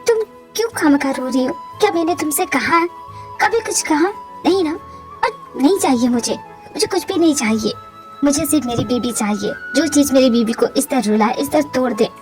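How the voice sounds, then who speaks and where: A woman voicing a tender young husband in a fan audio drama, speaking low and softly to comfort his wife. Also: lightly acted. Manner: soft, soothing, reassuring. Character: tender, devoted young husband, soothing and calm.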